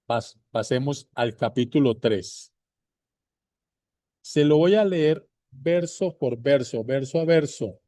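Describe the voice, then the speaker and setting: Male Bible teacher, unhurried and repetitive, dark mellow tone, dry close sound. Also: mid-range voice, no room sound. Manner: repeats points slowly, addresses viewers directly. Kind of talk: slow deliberate bible teaching.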